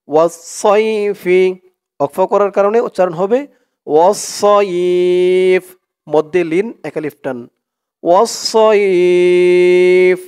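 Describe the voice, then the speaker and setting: A man teaching Quran reading, who spells out each word letter by letter and then chants the verses slowly. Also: high voice, a little mellow, clean tone. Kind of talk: spelling lesson with recited verses.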